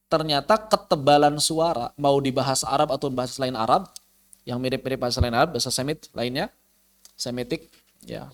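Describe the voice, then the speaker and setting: A man teaching an online tajwid lesson, explaining step by step, repeating key phrases and demonstrating letter sounds. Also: medium pitch. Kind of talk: online Quran recitation lesson.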